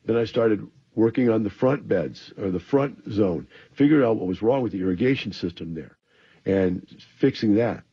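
A man's voice: on the low side, normal speed, husky, muffled recording. A man hosting a radio show, sounding a little groggy from antihistamines, explaining things directly to listeners in a rambling advice monologue.

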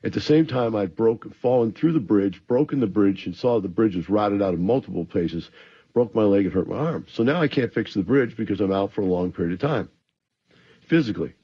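Male talk radio host, low and slightly husky, a bit groggy, explanatory monologue, dull band-limited audio. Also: fairly quick. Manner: explanatory, addresses listeners directly. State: a little groggy from antihistamines.

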